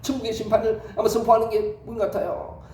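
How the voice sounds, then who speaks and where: A man's voice: high-pitched, completely flat delivery, fast talker, a little mellow. A male pastor preaching a sermon, telling the story with lots of rhetorical questions. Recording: echoey hall, distant mic, faint noise.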